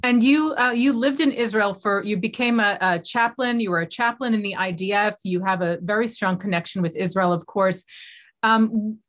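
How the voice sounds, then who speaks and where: A woman's voice: mid-range voice, moderate pace, fairly bright tone. A woman interviewing a guest, asking long, detailed questions and supplying words the guest is searching for.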